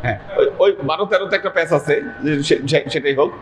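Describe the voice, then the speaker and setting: A Sufi teacher leading his weekly Quran pronunciation class patiently repeats letter sounds for his students, his male voice high-ish, expressive and fast. It's captured on a livestream camera mic in an echoey room with faint noise.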